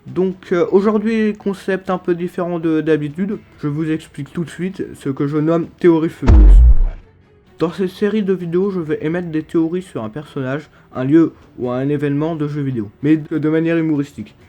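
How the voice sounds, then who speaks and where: A man's voice: on the high side, brisk, mellow. A man with a lisp, slushy s sounds and slurred articulation, narrating humorous video game theories in a mock-serious, emphatic manner. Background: background music.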